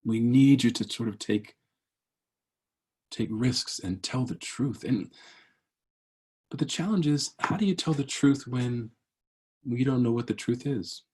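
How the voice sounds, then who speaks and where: A man's voice: medium pitch, a little slow, pauses often, a little mellow, husky. A man in his forties giving an earnest, preacher-like motivational keynote over a video call, often restarting his phrases. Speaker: keynote speaker.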